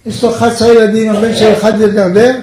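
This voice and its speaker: A man's voice: high voice, slight background noise. A man giving a religious talk, retelling stories of rabbis and acting out the people in them. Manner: animated storytelling, quotes others aloud. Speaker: religious speaker. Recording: very echoey room.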